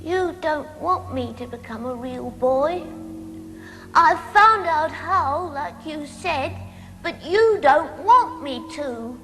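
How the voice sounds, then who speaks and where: A woman's voice: high-pitched, expressive, slow, fairly bright tone, big-room sound, exaggerated voice. A woman playing a naive wooden puppet boy, childlike and pleading, with music behind. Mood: sulky. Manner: childlike, wide-eyed pleading.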